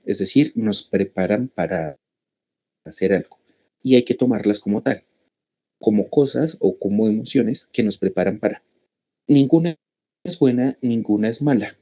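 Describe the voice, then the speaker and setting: A man with a Colombian Spanish accent speaks to parents in a workshop, with a lowish, mellow voice. He explains patiently and keeps checking in with his listeners. The sound is a bit dull and lo-fi. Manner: explanatory, frequent "¿cierto?" and "¿sí?" checks. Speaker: school family workshop speaker. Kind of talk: online parent workshop talk.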